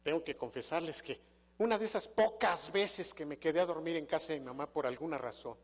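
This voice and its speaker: Older Mexican pastor, high voice. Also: male voice, a little fast. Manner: conversational storytelling, rhetorical questions to the congregation. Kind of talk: sermon. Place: church sanctuary. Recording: long reverb of a church hall.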